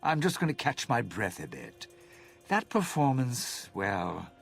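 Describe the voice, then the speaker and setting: Bitter scheming lounge singer, gravelly, slow, faint music behind. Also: male voice, medium pitch, sing-song. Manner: sneering, drawn-out, sly. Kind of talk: video game dialogue.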